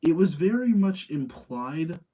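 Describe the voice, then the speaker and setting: Over poor audio, a male livestream host reviews movies in a voice that's a little high yet dark in tone, animated but a little slow. He chats casually, offering rambling, opinionated commentary and repeating points to stress them.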